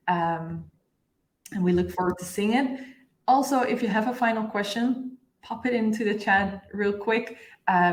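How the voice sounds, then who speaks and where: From a bright, glass-walled office room indoors, a woman in her thirties hosts a live online webinar over a video call. Her voice sits at a medium pitch, and the sound is roomy.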